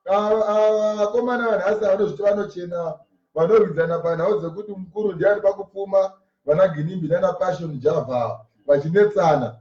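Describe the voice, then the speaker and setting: A man with a Zimbabwean Shona accent preaches a sermon, working through scripture line by line and emphatically repeating phrases for effect. His voice sits high and a little mellow, and he talks fairly quickly. The mic is distant in an echoey, muffled room.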